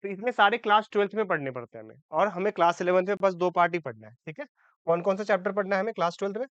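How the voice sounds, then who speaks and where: A man's voice: high-pitched, rapid-fire, fairly bright tone, clear, resonant tone, no room sound, lo-fi sound. A man teaching a chemistry lecture for exam students. He checks in often with his class and corrects his own slips as he goes. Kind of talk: exam-prep lecture in Hindi-English mix.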